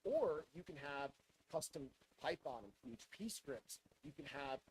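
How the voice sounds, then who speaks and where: A man's voice: fairly high pitch, animated, unhurried, a little mellow, breathy edge, rough recording. A man giving an informal technical lightning talk, often restarting and repeating his phrases.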